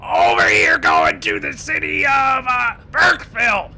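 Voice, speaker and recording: A man playing a fat, blustering, irate county boss in game roleplay, with a raspy, strained voice. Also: very high voice, huge pitch swings, unhurried, sharp tone, shouting, full character voice. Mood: frantic, barking. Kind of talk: improvised online game roleplay.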